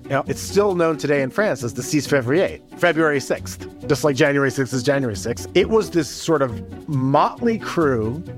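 A man, a journalist and author, explaining history casually as an interview guest. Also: on the high side. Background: music.

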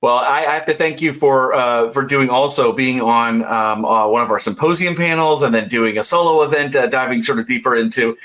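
A man's voice: mid-range voice, a little fast, few pauses, fairly bright tone. Hesitant male podcast host, lo-fi sound. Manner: hesitant, many fillers and restarts. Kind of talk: interview conversation.

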